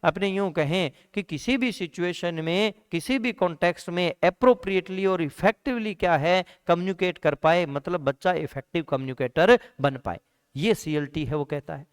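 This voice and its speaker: A man's voice: high-pitched, moderate pace, clear, resonant tone. A man teaching an exam-prep lecture, asking and answering his own questions and repeating key points. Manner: calls students "beta" in a warm teacher's tone.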